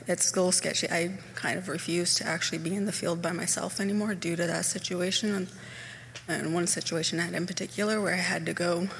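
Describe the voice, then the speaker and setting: Blunt woman from Hoopa at a meeting mic, gravelly, reverberant hall. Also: fairly low pitch, a bit bright, slight background noise. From Hoopa, Northern California. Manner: earnest, rambling, blunt. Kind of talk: public comment at a meeting.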